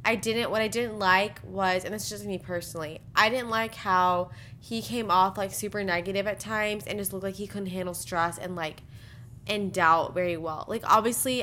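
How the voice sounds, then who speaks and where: A woman's voice: fairly low pitch, sharp tone, a little hiss or hum. A young woman co-hosting a casual chat podcast, talking bluntly with lots of fillers and giggles. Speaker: podcast co-host. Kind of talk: casual chat about a reality dating show.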